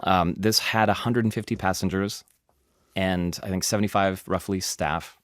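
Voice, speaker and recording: A man with a low, deep voice talks through a science story on a podcast. He is animated and explains at length, with asides and emphasis. The studio sound is dry and close to the mic. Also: moderate pace, no echo. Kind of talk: casual explanatory podcast talk.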